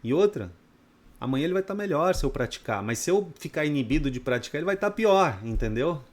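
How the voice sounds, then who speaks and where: His voice sits on the high side and is very animated as this Brazilian trading instructor talks fairly quickly. The lecture is improvised, coarse and blunt, aimed at students and full of rhetorical questions.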